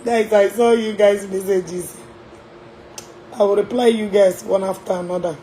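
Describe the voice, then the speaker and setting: A Nigerian woman with an Igbo-tinged accent chatting on a casual livestream from a hotel room, animated and laughing, mixing English and Igbo. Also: medium pitch, a little slow, slight background noise. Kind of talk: casual live-stream chat.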